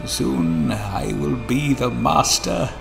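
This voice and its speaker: An actor playing an arrogant, scheming alien villain in a fan audio drama, with a creaky voice and a pompous, theatrical manner. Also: male voice, medium pitch, lively intonation, takes it slowly, full character voice. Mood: gloating. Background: dramatic music.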